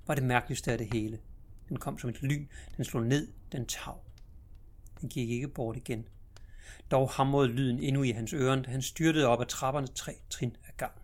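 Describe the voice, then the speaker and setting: Man, audiobook narrator, measured, dramatic storytelling, mid pitch.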